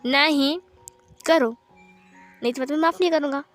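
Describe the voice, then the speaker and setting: A woman voicing a hurt young man who sulks and insists before softening, in a narrated story. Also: sits high, brisk, faint music behind, close to an everyday voice. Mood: insistent. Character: young man, hurt, stubborn then tearful spouse.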